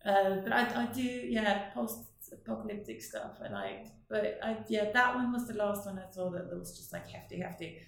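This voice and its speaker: Here the same northern Norwegian artist, Norwegian-accented, is an interview guest in a casual chat, wandering through her thoughts, self-correcting and laughing a lot. She sounds mid-range, creaky and very animated, moving at a moderate pace with hardly any pauses, in a very echoey space.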